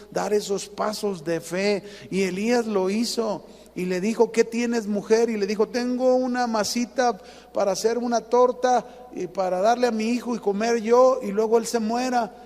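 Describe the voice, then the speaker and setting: A man with a Mexican Spanish accent delivers a sermon in a high, ringing voice. His delivery is dramatic, jumping from loud emphasis to near hush. A long hall reverb trails every line. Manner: dramatic, swings from loud to hushed, acts out quotes. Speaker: preacher.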